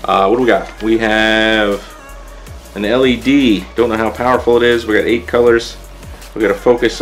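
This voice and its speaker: A man with a low, gravelly voice talks loosely through a gear review, thinking out loud as he fiddles with equipment. Soft music plays faintly behind him in an indoor room. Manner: loose and chatty, thinking aloud while setting up gear. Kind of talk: casual product review vlog.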